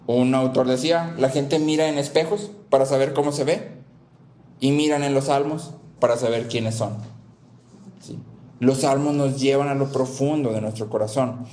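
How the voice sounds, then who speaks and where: A man in the middle of a sermon, speaking at an ordinary pitch. He repeats each main point and keeps checking in with his listeners. His voice rings around an echoey church hall. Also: fairly even intonation, moderate pace, warm tone, slight background noise. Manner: repeats key phrases, asks "¿sí?" to check in. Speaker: preacher.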